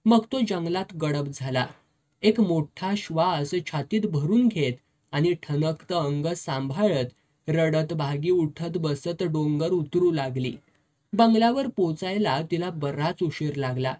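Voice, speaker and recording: An audiobook narrator reading a serialized novel in a steady, measured storytelling voice. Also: mid-range voice.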